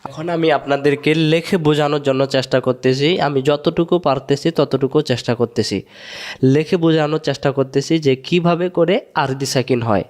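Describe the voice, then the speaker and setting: A man's voice: medium pitch, brisk, darkish tone. A man teaching a Quran recitation lesson with a Bangladeshi Bengali accent, repeating each rule patiently and asking then answering his own questions while he writes for the camera. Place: room, writing on a board in front of a camera.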